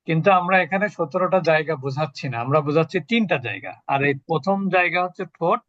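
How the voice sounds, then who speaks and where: A man teaching a lesson on pronouncing Arabic letters, repeating syllables slowly in drills. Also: high voice, fairly bright tone, no room sound, dull audio.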